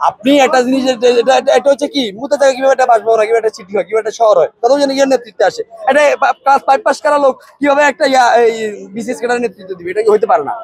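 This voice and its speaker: A man with a Noakhali Bengali accent argues heatedly in a street interview, keeps repeating himself and asks whether you follow. His voice sits very high and races along. The sound is dry and close. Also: very fast, breathy edge, dry recording. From Noakhali, Bangladesh.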